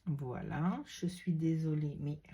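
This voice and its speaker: A woman with a runny nose chatting casually while she shows a craft project, relaxed and talkative as she works. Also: low-pitched, slow pace. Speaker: craft video host. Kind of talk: casual craft tutorial chat.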